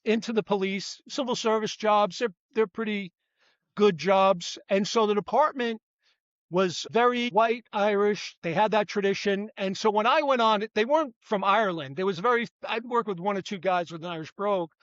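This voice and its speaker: A man's voice: sits high, moderate pace, dry recording, muffled recording. An older man, a retired police detective, talking as an interview guest in a rambling, self-correcting way. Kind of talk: conversational interview.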